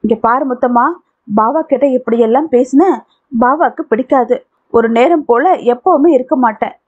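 A domineering, possessive young man from a spoken romance novel, read by a woman. The voice sits high and breathy, and it comes through tinny, phone-like audio. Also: moderate pace, a little mellow. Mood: threatening. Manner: menacing, domineering.

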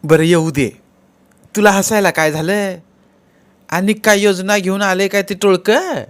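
A man's voice: sits high, steady tone, a little slow, pitched above the performer's own voice. A man putting on a raised, scolding village matriarch. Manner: scolding, teasing. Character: bossy older woman of the manor.

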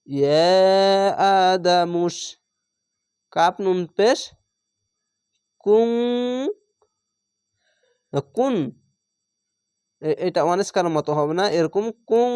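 A man's voice: high voice, a little mellow, clean tone, no room sound, studio quality. A man teaching Quran recitation, spelling words out syllable by syllable with a Bangladeshi Bengali accent and drawing out the chanted words.

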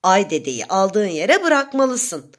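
A woman voicing a calm, wise owl neighbor who soothes and advises, in a children's story. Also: medium pitch, takes it slowly, pitched below the performer's own voice. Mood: soothing.

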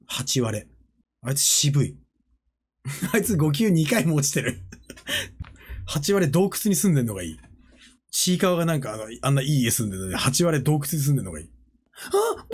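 A man chatting casually on a livestream, joking and animated, often breaking into laughter and playful mimicked voices. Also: mid-range voice, slightly rough. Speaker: streamer.

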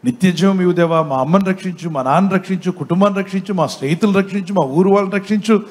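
A man's voice: sits high, quick pace, natural voice. A man doing an exasperated scolding angel.

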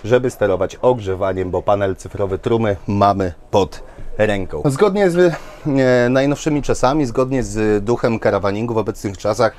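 A man's voice: on the low side, normal speed, darkish tone, slight background noise. Chatty man touring a caravan at a fair. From Poland. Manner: enthusiastic, talks straight to viewers with many fillers. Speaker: caravan show presenter. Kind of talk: walkthrough presentation. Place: inside caravans at a large indoor trade fair hall. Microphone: lapel mic.

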